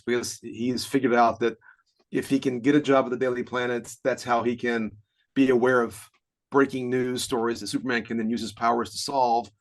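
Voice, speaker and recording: A man in his fifties co-hosts a podcast in relaxed conversation. He wanders through explanations, often chuckling as he goes. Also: medium pitch. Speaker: podcast co-host. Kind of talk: casual chat.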